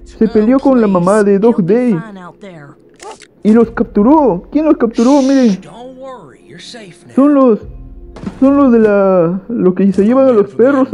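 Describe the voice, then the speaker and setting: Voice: mid-range voice, a little slow, long pauses, warm tone, soft background music. A reaction host commenting on an animation for viewers, calling them friends, exclaiming and laughing at the scenes, on a dull lo-fi recording.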